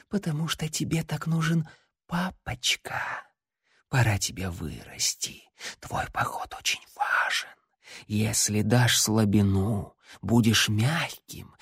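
A man voicing a living female shadow spirit in an audiobook, whispering slowly and coaxingly. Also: lowish voice, dry recording, clean studio sound, heavily acted. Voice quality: whispered, breathy. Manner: slow, coaxing and intimate.

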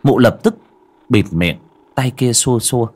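A man narrating a horror story in a dramatic, expressive storytelling manner. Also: medium pitch, slow pace.

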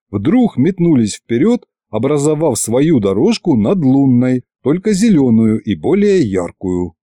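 Expressive male audiobook narrator. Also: medium pitch, no room sound, studio quality. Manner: expressive storytelling. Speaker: audiobook reader. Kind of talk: scripted narration.

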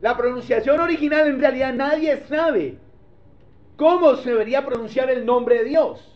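A pastor teaches his congregation in a very high voice. He keeps stopping to ask whether they follow. The recording sounds dull and lo-fi. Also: moderate pace. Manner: conversational, keeps checking in with the congregation. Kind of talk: teaching sermon.

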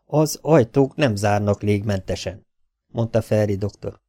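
A man narrates an audiobook in a low, mellow voice. The sound is dry and close. He lifts his pitch for the characters' lines and drops it again for the narration. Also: no room sound. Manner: reads dialogue with lifted pitch, drops for narration tags. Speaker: audiobook reader. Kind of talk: scripted narration.

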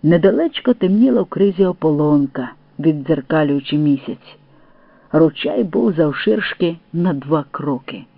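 A man narrating a first-person story in a steady, measured reading voice. His voice sits somewhat high. The sound is thin and phone-like, and completely dry. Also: gravelly, no room sound. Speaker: audiobook narrator. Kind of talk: scripted narration.

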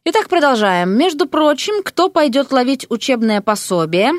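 A wry, curt male lecturer who snaps out decisions and dry remarks, as a woman reader puts him on. The reading is lively in pitch, recorded close and dry for an audiobook. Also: moderate pace, no echo.

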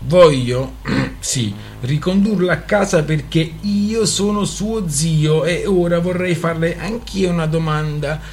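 A man voicing a gruff, blunt uncle who clears his throat and talks petulantly. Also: on the high side, slow pace, a little mellow, slight background noise, pitched above the performer's own voice.

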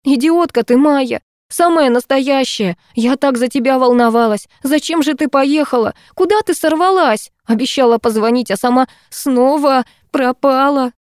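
A woman's voice: sits high, normal speed, clear, resonant tone, no room sound, studio quality, voice pushed up, close to an everyday voice. A woman reading an audiobook, voicing a young woman friend who sobs and scolds at once. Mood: scolding. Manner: scolding, sobbing. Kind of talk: audiobook character voice.

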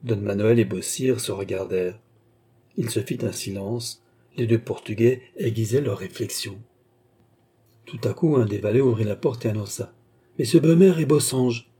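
A man narrating a classic novel as an audiobook reader, in a measured storytelling manner. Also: on the low side, warm tone, husky.

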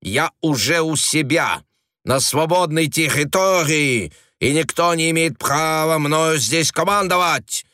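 A fiery middle-aged Parisian woman, as a male narrator puts her on, haughty and indignant. She is pitched far above his own voice and rolls her r's through a shrill, theatrical delivery. The audiobook recording is dry and close. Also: takes it slowly, hardly any pauses, a bit bright, no echo, full character voice.

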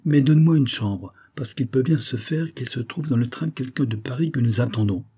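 A man's voice: mid-range voice, normal speed, mellow, slightly rough, lightly acted. A man voicing a cunning male rogue disguised as a valet, giving orders in a bossy tone in an audiobook reading. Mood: commanding. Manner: bossy, commanding tone toward servants.

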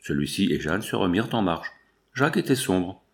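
A man narrating an audiobook novel in a measured storytelling manner. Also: low voice, big pitch swings. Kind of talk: scripted narration.

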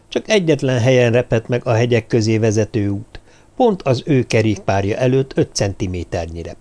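Male audiobook narrator, lively pitch. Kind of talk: scripted narration.

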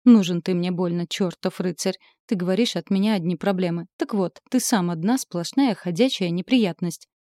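A woman's voice: on the low side, moderate pace, few pauses, mellow, no echo, clean studio sound, natural voice. A woman voicing a hot-tempered young heroine who snaps back with defiance. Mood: defiant. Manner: snappy, defiant.

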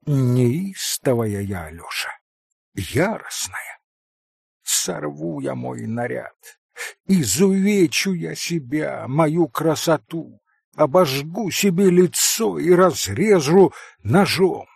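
A volatile young woman cries out in a raised, swooping voice, as a male reader puts her on. Her passion spills into wailing outbursts, and a gravelly, husky grain runs under her words. The audiobook recording is close and dry. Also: a little high, expressive, slow pace, darkish tone, dry recording, exaggerated voice. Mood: defiant, furious. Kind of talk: audiobook character voice.

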